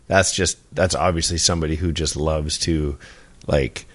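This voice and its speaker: A man's voice: extremely low pitch, fairly even intonation, normal speed, fairly bright tone. A man co-hosting a casual podcast chat, playful and teasing as he guesses. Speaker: podcast co-host.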